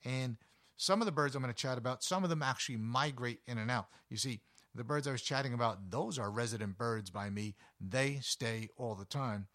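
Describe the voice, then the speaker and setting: A man with a deep voice, hosting a nature show and chatting enthusiastically with frequent fillers. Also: brisk, fairly bright tone. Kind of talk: casual talk about backyard birds.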